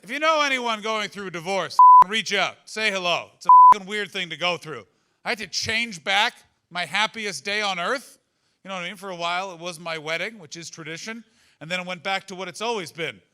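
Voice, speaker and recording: A man's voice: sits high, a little fast, pushed and bright, clear, resonant tone, poor audio. A man doing stand-up comedy crowd work and storytelling, conversational and profane, teasing his audience from the stage. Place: live comedy venue with an audience.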